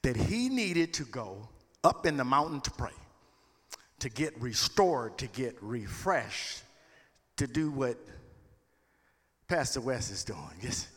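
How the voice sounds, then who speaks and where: A man's voice: mid-range voice, very animated, slow, pauses often, a bit bright, husky. A man from Louisiana with a Southern US accent preaching a sermon, folksy and conversational, calling on his listeners to respond. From Louisiana, United States. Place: large echoing room, preaching to a gathering. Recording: reverberant hall.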